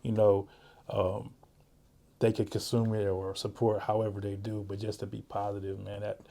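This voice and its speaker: A man hosting a podcast interview, talking in a relaxed, easygoing way and often saying "man" and "you know". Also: fairly low pitch, normal speed, creaky. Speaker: podcast host; works with juvenile youth. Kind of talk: casual interview chat.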